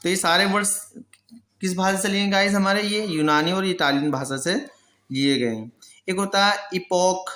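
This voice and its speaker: In an echoey room, a man gives a Hindi-language vocabulary lesson focused on pronunciation, asking his students a question, answering it himself, and repeating each word slowly. His voice is slightly high, with a bright, forceful tone.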